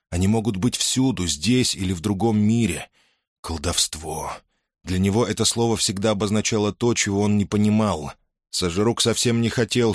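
A man narrates a scripted audiobook in a measured, even storytelling style. His voice sits on the low side, and the recording is dry with clean studio sound.

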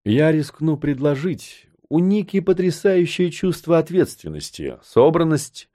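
A man reading an audiobook, voicing a calm, composed male mentor. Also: on the high side, unhurried, voice pushed up. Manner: calm, unflappable.

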